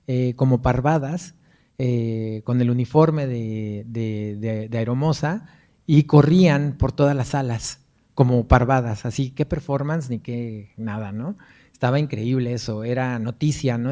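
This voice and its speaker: Mellow-voiced Mexican man telling anecdotes. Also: mid-range voice. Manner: chatty, anecdotal, frequent tag questions. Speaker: guest lecturer, performance artist. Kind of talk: lecture with storytelling anecdotes.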